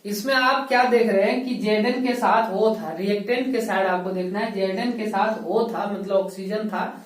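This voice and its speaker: A woman's voice: mid-range voice, fairly even intonation, normal speed. A woman teaching a school chemistry lesson, explaining step by step and asking rhetorical questions. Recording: echoey room, voice heard from a distance.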